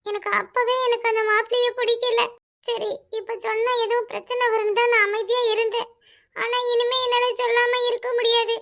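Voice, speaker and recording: A bitter, secretive young daughter from a village cartoon speaks in a very high, bright tone, voiced by a woman. Her Kanyakumari Tamil accent carries pleading words with cold resentment underneath. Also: flat delivery, brisk. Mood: evasive. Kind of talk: cartoon voice acting.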